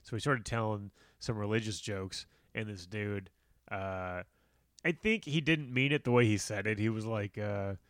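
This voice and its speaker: A man chats loosely about his comedy gigs. He laughs a lot and slips into quick impressions of the people he met. His voice is close and dry, with no room around it. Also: on the low side, fairly bright tone, smooth, dry recording. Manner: loose, laughing storyteller who acts out quoted people. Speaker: stand-up comedian and podcast co-host. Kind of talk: casual chat.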